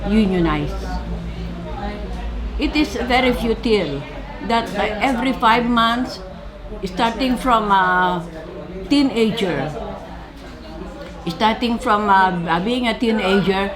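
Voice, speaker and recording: Older Filipino woman, slow, halting. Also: mid-range voice. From Philippines. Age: 70s. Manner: halting, many fillers and repeats. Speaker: labor organizer. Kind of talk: interview answers. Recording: crowd noise behind.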